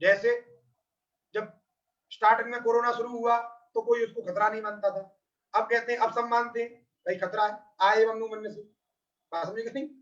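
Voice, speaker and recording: A man's voice: high voice, steady tone, moderate pace, long pauses, fairly bright tone. A man teaching Sanskrit grammar in a patient, repetitive way. He often asks his students whether they have understood. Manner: repeats phrases, often asks "got it or not?". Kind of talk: explanatory lesson. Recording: dull, distant lo-fi recording.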